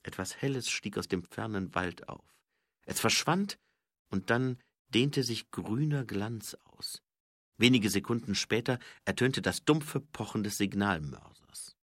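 A man reading fantasy narration in an expressive, varied delivery. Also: lowish voice, a little slow, dry recording, clean studio sound. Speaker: audiobook narrator.

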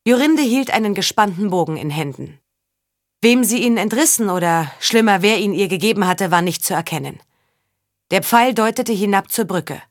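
A woman narrating a novel as an audiobook in a measured storytelling manner. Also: mid-range voice, lively intonation, no echo, clean studio sound. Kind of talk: scripted narration.

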